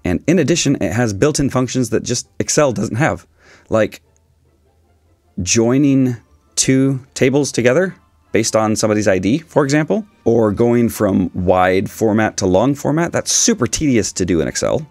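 A man in his forties with a raspy voice, giving a casual, opinionated explainer with dry humour. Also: medium pitch, animated, moderate pace, a little mellow, no room sound, faint music behind. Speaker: video host, statistics teacher. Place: small dim indoor room, seated.

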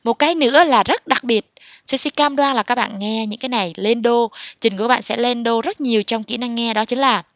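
A woman's voice: a little high, a bit bright, no echo, studio quality. Encouraging woman teacher. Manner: encouraging, repeats English phrases slowly and clearly. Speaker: English teacher. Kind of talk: explaining lesson in a voice-over.

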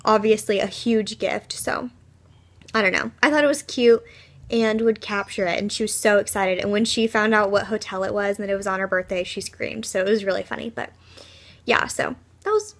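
A woman's voice: mid-range voice, fairly even intonation, fairly quick. A young woman vlogging at home, chatty and upbeat, rambling with fillers. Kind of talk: casual vlog chat. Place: at home, indoors.

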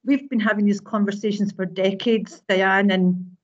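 A woman's voice: mid-range voice, fairly even intonation, normal speed, lo-fi sound. A woman from Scotland, a teacher educator speaking earnestly in a webinar panel from home. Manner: earnest, laughs easily, repeats words when thinking. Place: home room on a video call.

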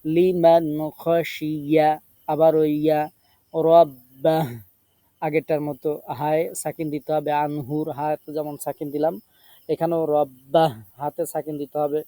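A man from Bangladesh teaching Quran recitation in an online tajweed lesson, chanting verses in long drawn-out phrases and repeating syllables between short instructions. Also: a little high, completely flat delivery, mellow, no echo. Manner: repeats syllables to drill pronunciation.

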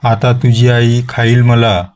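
A man's voice: medium pitch, little pitch movement, slow pace, a little mellow, natural voice. A man as a weary, sighing village father. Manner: sighing, resigned speech.

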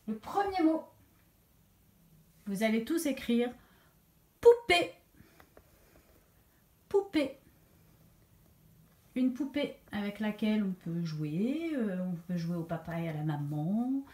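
A woman teacher giving a slow dictation lesson to young children, repeating each syllable clearly with emphasis. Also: medium pitch, warm tone. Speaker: primary school teacher.

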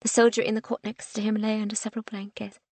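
A woman reading a historical novel aloud as an audiobook narrator, in a measured storytelling manner that softens to a hush in quiet passages. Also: medium pitch, little pitch movement, breathy edge, no room sound.

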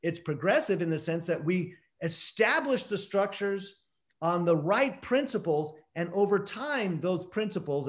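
A man in his fifties with a standard American accent, explaining emphatically as a professor in an interview on a video call. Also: a little high. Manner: explanatory, emphatic, asks rhetorical questions. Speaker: professor and author, interview guest. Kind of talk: scholarly discussion in an interview. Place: indoor room, video call.

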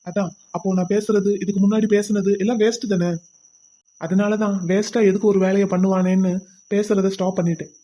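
A woman's voice: medium pitch, level tone, brisk, dark tone, natural voice. A woman voicing a stern young husband in a cartoon who lectures and scolds. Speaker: cartoon voice actor. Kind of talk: cartoon voice acting.

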